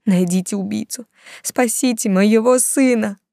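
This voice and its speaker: A woman's voice: medium pitch, unhurried, vocal fry, mellow, no echo, clean studio sound, pitched above the performer's own voice. A woman voicing a tearful middle-aged mother pleading for her son, in an audiobook.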